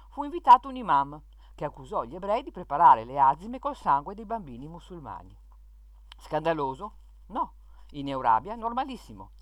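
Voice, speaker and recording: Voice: mid-range voice, no room sound. A speaker reading an opinion column aloud in an indignant tone, with sarcastic rhetorical questions. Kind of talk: scripted reading of an opinion piece.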